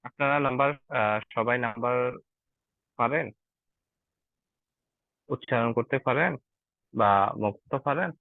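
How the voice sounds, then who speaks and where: With a gravelly, medium-pitched voice, a man patiently teaches German to Bengali learners over an online call, often asking "ঠিক আছе?". He takes his time with long pauses, and the recording sounds tinny and dry.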